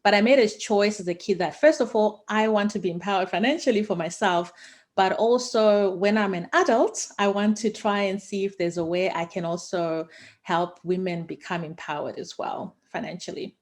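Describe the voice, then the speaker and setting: At normal speed and in a mid-range voice, the Zimbabwean woman talks as a guest in a casual interview. As founder of an investing education company, she's eager and passionate, and fillers pop up often.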